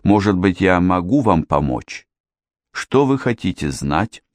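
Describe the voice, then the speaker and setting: A male narrator voicing a calm, kind young woman who speaks gently. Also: low-pitched, measured pace, no room sound. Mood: gentle.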